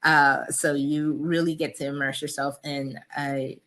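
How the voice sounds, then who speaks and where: A woman's voice: sits low, little pitch movement, measured pace, fairly bright tone. A woman author with Cameroonian parents, chatting casually as a guest, with many ums and frequent laughs. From United States, Cameroonian parents. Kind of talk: casual interview chat.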